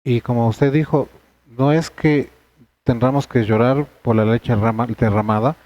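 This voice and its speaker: Guy running a church men's group, earnest chatty teaching, warm dark voice, kinda muffled lo-fi recording. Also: medium pitch, steady tone, measured pace, dry recording. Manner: conversational, earnest, addresses group directly. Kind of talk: church study session talk.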